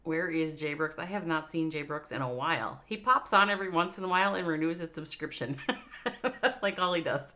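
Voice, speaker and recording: A woman's voice: low-pitched, brisk, pushed and bright. A woman with a Minnesota accent giving chatty, playful live commentary on a mobile strategy game match, reacting to chat and laughing along. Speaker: esports caster.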